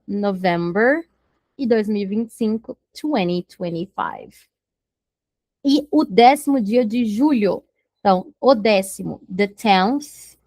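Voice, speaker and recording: A woman's voice: fairly high pitch, darkish tone, dry recording. Patient woman teaching English lessons. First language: Portuguese. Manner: patient, slows down to model English pronunciation. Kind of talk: language lesson.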